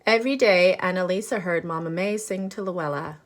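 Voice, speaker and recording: In a lowish voice, a woman reads aloud from a picture book for children the way a teacher would, with expressive, deliberate delivery and pauses for simple explanatory asides and questions.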